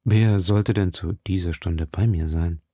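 A man voicing a calm, phlegmatic musketeer nobleman who speaks low and measured. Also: breathy edge, no echo, clean studio sound.

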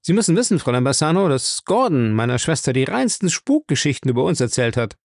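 A man voicing a defensive, hasty young man who answers briskly. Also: on the high side, sing-song, gravelly, no room sound, studio quality, pitched above the performer's own voice, heavily acted. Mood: assertive.

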